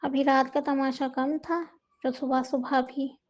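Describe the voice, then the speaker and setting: A woman reading the part of a sharp-tongued household woman who sneers angrily. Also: high voice, level tone, measured pace, lo-fi sound. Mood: irritated. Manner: angry, sneering remarks.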